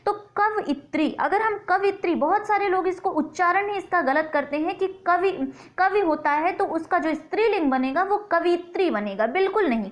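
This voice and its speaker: A woman with a very high voice leads an exam-prep lesson as the teacher. She explains each question step by step and slows down to sound out key words carefully. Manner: explains step by step, repeats words slowly to stress pronunciation.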